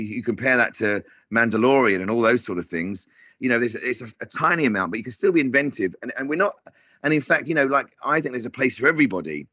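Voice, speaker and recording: A man's voice: mid-range voice, fairly bright tone, husky, no echo. Chatty man, dry close sound. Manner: rambling, many restarts and fillers. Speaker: TV director. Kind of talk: casual interview chat.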